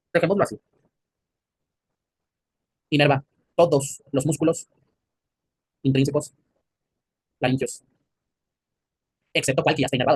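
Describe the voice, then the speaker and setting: A man's voice: fairly high pitch, husky, no room sound. A man with a Mexican accent teaching an anatomy class, quizzing his students and joking in crude slang. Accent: Mexican Spanish. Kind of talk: classroom lecture.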